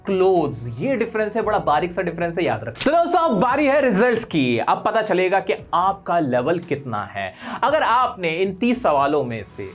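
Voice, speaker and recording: A woman with a low voice teaches English pronunciation. She quizzes the listener on each word and corrects them with a teasing "no, no, no". Faint music plays underneath. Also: sing-song, normal speed. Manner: quizzing the viewer, then correcting with repeated "no, no, no". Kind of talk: pronunciation lesson.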